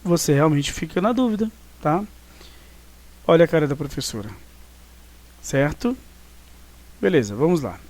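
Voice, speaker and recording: A man's voice: fairly high pitch, expressive, moderate pace, pauses often, darkish tone. A man with a Brazilian Portuguese accent teaching a review class and checking in often with his students. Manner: explanatory, frequent "né?" and "tá?" check-ins. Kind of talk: recorded online class review.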